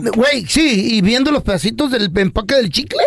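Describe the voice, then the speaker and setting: A man's voice: very high voice, lively intonation, a little fast, gravelly, dry recording, studio quality. A man with a Mexican Spanish accent full of US Chicano slang, bantering casually as a radio co-host.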